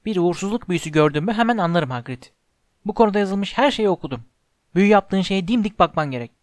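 A man's voice: high-pitched, expressive, fast talker, dry recording, clean studio sound. A man voicing a clever, insistent schoolgirl witch in an urgent, breathless tone while reading a storybook aloud.

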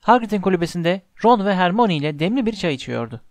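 A man's voice: high voice, very animated, fast, no room sound. Man reading a storybook, dry and close. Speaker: audiobook narrator. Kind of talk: storybook narration.

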